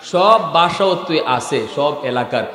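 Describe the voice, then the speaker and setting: A male preacher from Habiganj with a Sylheti-tinged Bangla accent, telling stories in a waz sermon that rises to shouted, singsong peaks. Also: on the high side, animated, slow. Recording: echoey sermon hall with long reverb.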